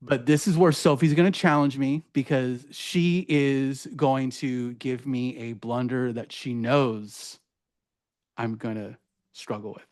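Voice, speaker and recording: A man's voice: medium pitch, fairly even intonation, takes it slowly, a little mellow. Casual man leading a workshop demo. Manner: casual, filler-heavy, says "right?" often. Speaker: teacher educator presenting.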